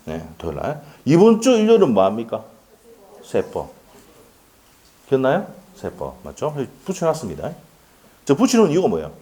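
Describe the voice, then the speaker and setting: A man's voice: medium pitch, huge pitch swings, moderate pace, long pauses, warm tone. A man giving a casual law lecture to a class, asking questions and answering them himself and laughing often. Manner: laughs often and jokes with students.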